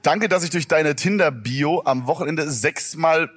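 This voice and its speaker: A man's voice: a little high, measured pace, heavy background noise. A young man from Brandenburg, co-hosting a live comedy podcast on stage in laid-back, slangy chatter. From Brandenburg, Germany. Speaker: podcast co-host. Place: stage before a live audience.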